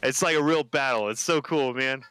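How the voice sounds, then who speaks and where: A man's voice: mid-range voice, moderate pace, bright, forceful tone, clean tone, no room sound. A man hosting a live gaming stream, chatting casually and joking. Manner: joking, laid-back. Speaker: streamer host. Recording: game music behind.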